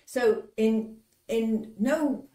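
A woman's voice: fairly high pitch, extremely slow, warm tone. A woman in her fifties hosting a casual interview as a real estate broker, chatty and enthusiastic, steering with friendly leading questions. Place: indoor studio with virtual backdrop. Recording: roomy, slightly distant.

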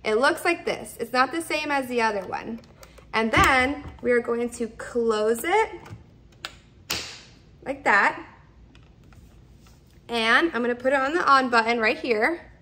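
A product reviewer in her thirties, speaking in a fairly high, sharp-toned voice, is unhurried and leaves long pauses. She casually demonstrates a product step by step indoors in her home's open kitchen and dining room, explaining simply and repeating instructions along the way.

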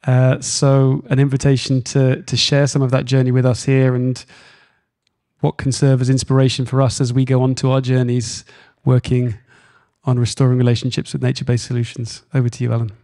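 Man chairing a panel, flat delivery, mellow tone, handheld mic. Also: medium pitch, a little fast. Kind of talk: introducing a speaker. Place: conference room. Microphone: handheld microphone.

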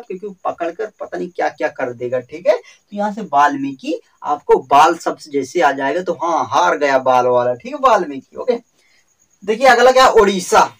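A man's voice: high-pitched, a bit bright, recorded from a distance, poor audio. A man teaching a general-knowledge exam lesson, explaining memory tricks with repetitive, sing-song emphasis and calling his viewers friends. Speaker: quiz teacher.

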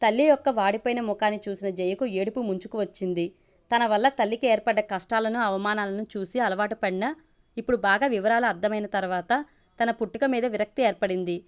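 A woman storyteller reading a family story aloud in a steady, measured way. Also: medium pitch, clear, resonant tone. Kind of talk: audiobook story narration.

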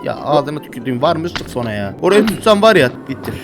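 A young man playing a hard climbing game and commenting in Turkish, swinging between quiet muttering and frantic pleading and cursing at the screen. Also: fairly high pitch, big pitch swings, quick pace, noisy background. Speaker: gaming YouTuber. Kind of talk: let's play commentary. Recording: game music playing under the voice.

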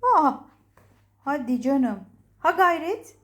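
A high-voiced woman chatters over her phone camera at home, swinging up and down in pitch as she laughs and coos at her cats. She scolds them playfully in an easy, unscripted running commentary. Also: big pitch swings, slow pace, a bit bright. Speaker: cat owner filming her cats. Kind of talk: casual running commentary while filming.

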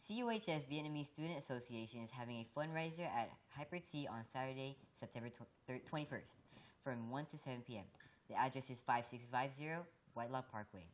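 A teenage student news anchor reading school announcements in a brisk, matter-of-fact way. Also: female voice, very deep voice, expressive, slight background noise. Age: teens.

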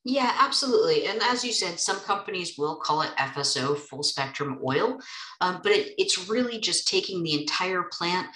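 Nurse lady cohosting a webinar, bright upbeat voice, roomy echo. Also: on the low side, lively intonation, moderate pace. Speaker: nurse co-host. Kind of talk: webinar explanation.

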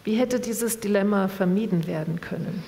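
A woman reading from a novel in a measured, expressive way, then asking an author a question at a public reading event. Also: mid-range voice, vocal fry. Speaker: reader and moderator. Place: event hall. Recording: long reverb of a hall.

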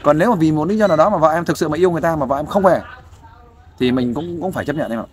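Fast-talking fatherly man. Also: on the high side. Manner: fatherly, persuasive, keeps asking for agreement. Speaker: volunteer counselor interviewing a guest. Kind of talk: casual advice interview.

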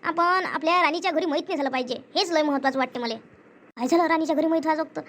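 A woman's voice: high-pitched, very fast, crowd noise. A woman tells a family story in a chatty way. She repeats herself often, reassures the others and gossips about the family. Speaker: storyteller voicing family members. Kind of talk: conversational family skit.

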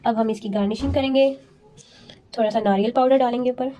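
A woman host walking viewers through a home recipe with calm, polite, step-by-step instructions. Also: a little high, fast talker, a little hiss or hum. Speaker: cooking channel host.

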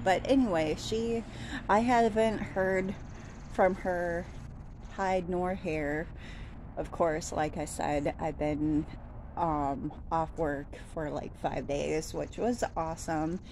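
Her voice is on the low side and a little mellow, captured in a rough recording. A thirty-something vlogger, she rambles casually with fillers and restarts during a daytime walk-and-talk outside a store, holding her phone at arm's length while traffic passes.

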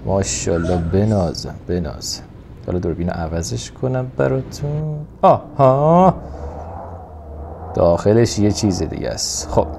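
A man giving casual, excited commentary over a mobile truck game, coaxing the truck along. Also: lowish voice, creaky, slight background noise. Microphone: phone recording.

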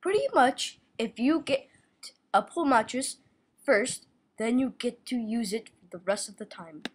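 In a homemade toy video, a woman with a high-leaning, expressive, unhurried voice plays a fussy, prim male protocol droid reviewing a gym. The character is easily flustered and frequently says "oh my".

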